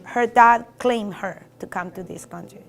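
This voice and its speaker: Her voice is mid-range and creaky, her pace measured, as this woman in her fifties from El Salvador reflects warmly in a documentary interview. A barber shop owner and native Spanish speaker with a Salvadoran accent, she frequently starts her phrases over.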